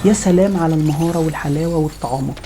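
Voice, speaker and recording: A man with an Egyptian Arabic accent giving excited live commentary over his own gameplay, piling up quick repeated exclamations. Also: on the high side, loud music behind the voice. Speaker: gaming video host.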